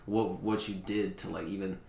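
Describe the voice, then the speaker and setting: A young man co-hosting a podcast, talking in a relaxed, slangy, joking way. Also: low-pitched, moderate pace, gravelly, reverberant, slight background noise. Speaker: podcast co-host. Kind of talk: casual chat.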